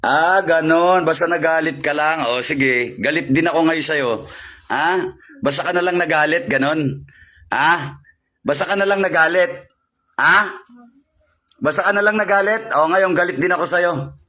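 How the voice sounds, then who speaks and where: A man's voice: a little high, moderate pace, bright, forceful tone. A man working as a faith healer on a live stream, issuing repetitive commands and interrogating a spirit. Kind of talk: live-streamed healing and exorcism.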